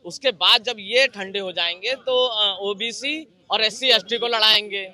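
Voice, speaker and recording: A man from the public explaining his view steadily in a street interview, pausing on hesitant fillers. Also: sits high, sharp tone.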